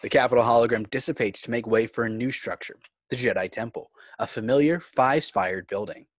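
Reading stage directions at a fairly quick clip, a man voices a screenplay's scene headings and action in mid-range tones. It's a scripted read over a video call, with no audible room sound.

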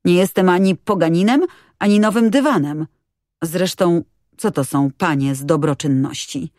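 A woman's voice: on the low side, normal speed, a little mellow, no echo, studio quality, close to an everyday voice. A woman reading an audiobook, voicing a proud, defiant street boy.

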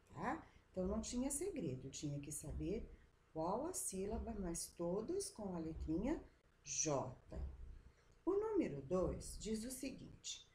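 A Brazilian woman schoolteacher going over exercises with young children in a slow, drawn-out, sing-song teaching voice. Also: medium pitch, warm tone. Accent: Brazilian Portuguese. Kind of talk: remote class lesson for young children. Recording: echoey room with faint background noise.

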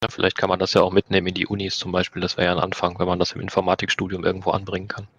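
A man's voice: sits low, completely flat delivery, very fast, fairly bright tone, slightly rough, dry recording. A young man on a headset moderating an online conference Q&A, asking plain, brief questions.

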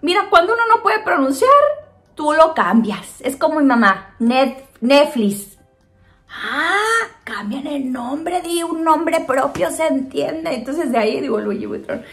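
A Mexican woman answering viewer questions in a casual chat to camera, animated and laughing often. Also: high voice, measured pace, soft background music. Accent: Mexican Spanish. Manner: chatty and animated, acts out voices in quotes.

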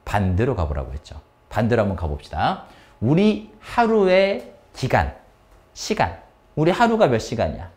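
A man's voice: medium pitch, huge pitch swings, normal speed, darkish tone. A man teaching an English reading lesson, explaining step by step and constantly asking his students questions. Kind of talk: exam-prep lecture.

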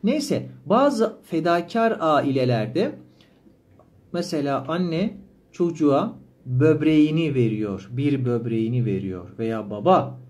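A male language teacher reading a story aloud, pausing to repeat and explain words slowly. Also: a little high, expressive, a little mellow. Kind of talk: slow explanatory reading lesson.

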